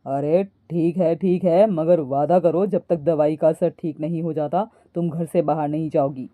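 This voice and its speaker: A woman voicing a young husband who speaks in a low, firm, mildly scolding way. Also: steady tone, normal speed, no room sound, narrow, tinny audio, close to an everyday voice. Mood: stern. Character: young husband, patient but annoyed.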